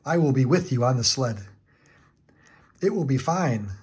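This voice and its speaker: Man reading as an upbeat storybook frog, coaxing, reassuring, slow and unhurried. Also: mid-range voice, lively intonation, slightly rough. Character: cheerful eager male frog, a caring friend.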